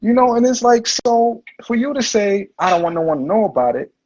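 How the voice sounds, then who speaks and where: A podcast host tells stories on a livestream podcast in a laid-back, slangy way full of "like" and "you know," a casual interview style. His high voice is sing-song, brisk, and a little mellow, with the highs cut off and a bit of hiss or hum.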